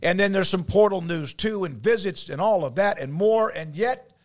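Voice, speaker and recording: A male sports talk host opens his show off the cuff. His voice is high, and he halts and pauses as he goes. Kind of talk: unscripted show opening talk.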